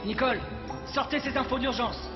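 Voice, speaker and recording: A man's voice: extremely high pitch, normal speed. A man playing a brash, wisecracking young hedgehog in a cartoon dub, slangy and flippant. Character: cocky, wisecracking young male hedgehog hero. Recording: muffled soundtrack with loud music.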